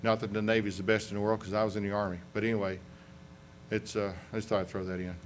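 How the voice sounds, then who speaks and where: Speaking fast in a low, level voice, a man from North Carolina with a Southern US accent presents at a conference as an accident investigator. His delivery is folksy and rambling, full of restarts and asides, with slight background noise in the conference room.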